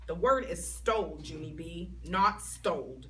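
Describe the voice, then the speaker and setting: A woman reading aloud and voicing a patient male teacher who corrects and scolds calmly. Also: on the low side. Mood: stern calm. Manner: calm, measured, corrective. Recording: voice a bit far from mic, faint background noise.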